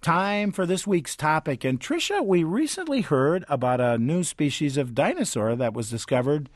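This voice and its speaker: Animated man radio host. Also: a little high, moderate pace, no echo, studio quality. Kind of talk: public radio hosting. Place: radio studio.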